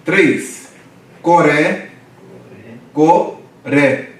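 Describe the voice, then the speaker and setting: A man leads a reading drill in an unhurried, deliberate way, sounding out syllables one at a time. He sits well back from the microphone in a roomy space, with a faint ambient hum behind him. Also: a little high. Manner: patient, spells out syllables and asks for repetition. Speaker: Hebrew teacher. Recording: roomy echo, distant mic, faint ambience.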